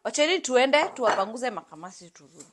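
Hosting a laid-back cooking show from her bright home kitchen, a Kenyan-accented woman in her thirties talks fast and chats freely with viewers, mixing in Swahili phrases with English. Her voice is on the high side, with big swings in pitch.

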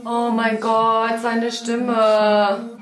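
A woman hosting a reaction video, gushing excitedly and dropping English exclamations into her talk. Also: on the high side, very slow. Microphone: headphones on, desk mic. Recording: roomy echo with faint music behind.

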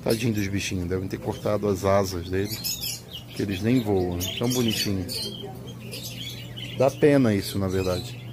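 Walking through a large indoor swap meet, a middle-aged Brazilian man gives casual tour narration into a handheld phone, the busy crowd making the background noisy. His voice is fairly low and fairly even, his pace moderate, with long pauses.

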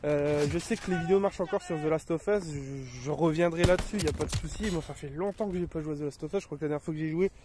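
A gaming YouTuber in his thirties, who has a cold, rambles casually over his gameplay at home, talking fast in a slightly high voice with few pauses. He uses many fillers and restarts, while game gunfire and effects play in the background.

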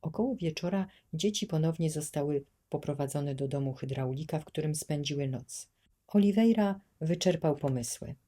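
A woman narrating an audiobook in a steady, measured storytelling manner. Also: low-pitched, breathy edge. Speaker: audiobook reader.

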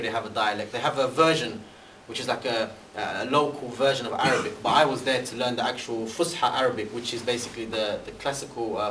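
Answering questions from a seat, a young British university student serving as guest speaker describes studying abroad in a medium-pitched voice. His talk rambles, packed with fillers and restarts, and his hands move animatedly. The large indoor room, marked by a banner, is picked up from a far camera, echoey and faintly hissy.

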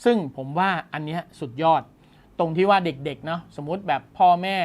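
A man's voice: a little high, brisk, darkish tone. A man hosting a tech news show, explaining a gadget in a casual, enthusiastic way and exclaiming often.

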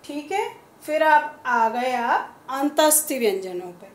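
Woman teacher with a Hindi accent, higher pitch, slow and patient, echoey room. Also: expressive. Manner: slow, patient, repeats sounds one by one. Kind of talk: classroom lesson on pronunciation. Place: school classroom.

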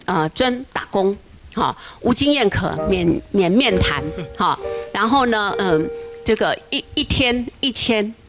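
A woman police officer talks in a casual, explanatory way on a TV talk show, with a lot of "ha" tags between phrases. Her voice sits at a middle pitch, and clear background music plays under it. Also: lively intonation, measured pace. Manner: explanatory, with frequent "ha" tag particles.

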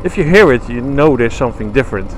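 A man with a Dutch accent and a mid-range voice talks fast and casually while riding a motorcycle on country roads, rambling and correcting himself with lively intonation. The motovlogger is recorded on a helmet camera mic in low quality, with engine and wind noise under his voice.

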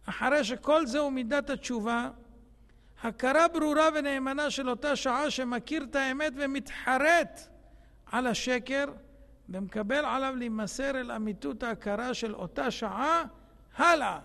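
A rabbi preaching a sermon with an Israeli Hebrew accent, asking rhetorical questions and repeating phrases as he swings from quiet talk to shouting. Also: very high voice, vocal fry. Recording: echoey hall with long reverb.

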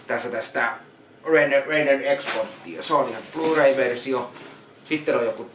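Halting man sorting films, echoey room. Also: mid-range voice. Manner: halting, repeats words and restarts, plain verdicts. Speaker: vlogger unboxing donated films. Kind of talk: casual vlog commentary. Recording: echoey room with loud noise.

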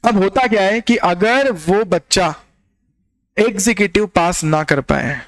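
A man with a high voice lectures a class as an exam coach. He teases his students and keeps throwing rhetorical questions at them, like a classroom talk. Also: measured pace. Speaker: exam-prep teacher.

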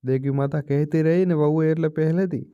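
A male storyteller reads a moral tale in a steady, even manner. His voice is pitched a little high but sounds very dark and mellow. The recording is dry, with a dull, muffled top end. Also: brisk, smooth, no room sound. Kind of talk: scripted story narration.

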